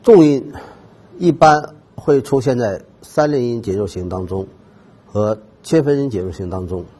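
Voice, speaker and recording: Husky guy explaining trumpet stuff to students, patient, lots of up and down in his voice. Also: on the low side, expressive, normal speed, darkish tone. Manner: patient, explanatory, stressing key points. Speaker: trumpet teacher. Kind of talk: instructional music lesson narration.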